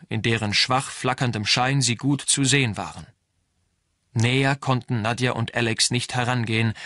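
A man reading a novel aloud as audiobook narrator, in an even storytelling delivery. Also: mid-range voice, no echo, clean studio sound. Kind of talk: scripted narration.

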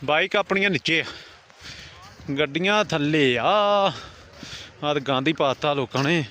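A man's voice: a little high, a little slow, bright, forceful tone. A man with a Punjabi accent chatting casually and jokily for a travel vlog, talking to companions and passers-by. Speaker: vlogger. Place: outdoors in a snowy mountain valley. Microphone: handheld phone camera. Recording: outdoor crowd and vehicle noise.

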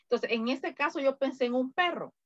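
A woman with a Latin American Spanish accent teaching an English grammar class online, slowly and patiently repeating example answers. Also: high-pitched, dry recording, dull audio.

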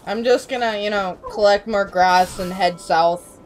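A woman's voice: mid-range voice, unhurried, a little hiss or hum. A young woman hosting a let's play, chatting casually, giggling often and swearing freely. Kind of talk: casual gaming chat.

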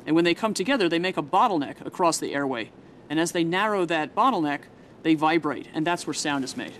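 A woman's voice: low-pitched, expressive, fairly quick. Woman scientist explaining anatomy, faint background noise. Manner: step-by-step, plain-worded explaining. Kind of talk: explanatory documentary demonstration.

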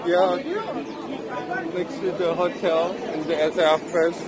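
A man hosting a casual food-review vlog, talking slowly and haltingly through a face mask, outdoors at a theme park. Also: a little high, little pitch movement. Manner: slow, halting, with restarts. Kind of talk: casual vlog talk to camera. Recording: loud park music and crowd noise. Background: park music and crowd.

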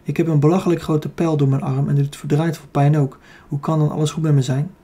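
Male narrator voicing a fussy, complaining young secretary; indignant whine, husky and mellow, storybook read. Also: a little high, level tone, fast, natural voice. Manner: indignant whining.

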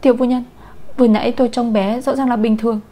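A woman's voice: medium pitch, steady tone, quick pace, dark tone, lightly acted. A woman voicing a timid young nanny who talks politely and gets flustered. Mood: panicked.

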